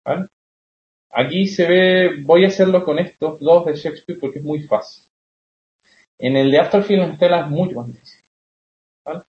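In a roomy, dull-sounding classroom, a young male literature teacher lectures on poetry. His pitch is fairly high and his pace moderate, with frequent pauses. He explains the material and often asks questions to confirm students understand.

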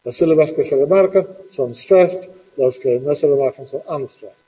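A man's voice: on the high side, normal speed, dark tone, long reverb tail, muffled recording. A middle-aged man teaching a classroom lesson, patiently asking questions and repeating the students' answers.

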